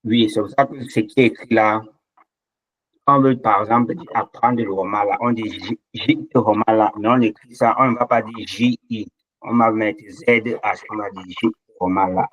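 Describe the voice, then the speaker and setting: A man's voice: fairly low pitch, steady tone, moderate pace, a bit bright, lo-fi sound. A man patiently explaining letter sounds in an online language lesson. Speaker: language teacher. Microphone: online session microphone.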